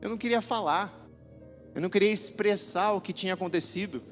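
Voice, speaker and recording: A man's voice: high-pitched, fairly quick, big-room sound, soft background music. A man preaching a sermon, telling stories in a joking manner and acting out voices along the way. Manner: joking storyteller, acts out voices. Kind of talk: sermon with storytelling.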